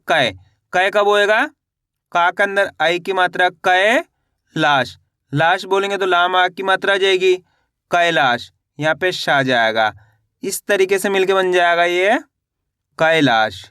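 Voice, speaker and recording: Male tutor with a bright, smooth voice; patient, repetitive spelling drills, very dry recording. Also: sits high, no room sound. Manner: slow, repetitive drilling with quiz questions. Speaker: Hindi teacher. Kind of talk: spelling lesson, sounding out syllables.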